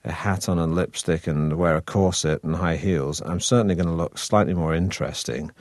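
Here a man from Manchester, England, an actor guesting on an easygoing interview, talks a little fast in a low register. His northern English delivery is wry and hesitant with many restarts, and the sound is clean, dry studio audio.

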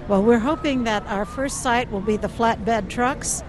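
A woman giving live, unscripted parade commentary as a correspondent, describing what she sees in a halting eyewitness way. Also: fairly high pitch, background noise. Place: outdoors at a parade vantage point. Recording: outdoor broadcast amid loud crowd and vehicles. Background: loud crowd, motor vehicles, street ambience.

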